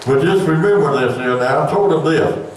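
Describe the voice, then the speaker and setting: An older preacher delivering a folksy, conversational sermon that swells into emphatic, raised passages. His voice sits at an ordinary pitch for a man. It is heard from a distance in a very echoey church room with a faint hum of room noise behind him. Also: normal speed.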